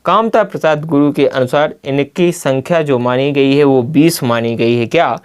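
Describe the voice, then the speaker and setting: With a Hindi accent and a fairly high, clean-toned voice, a man teaches grammar at a blackboard. He speaks slowly and deliberately, spells out examples, and often poses a key word as a question before answering it himself.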